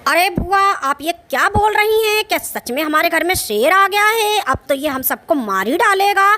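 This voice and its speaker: A woman's voice: very high-pitched, expressive, normal speed, sharp tone, exaggerated voice. A woman voicing a frightened young village woman calling for help in a doll story. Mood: panicked. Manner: panicked, pleading.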